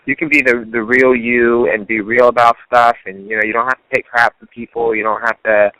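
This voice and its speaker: Earnest man with a bright voice. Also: medium pitch, level tone, a little fast, no room sound, poor audio. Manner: earnest, many you-knows and restarts. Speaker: fighter guest. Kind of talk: casual interview.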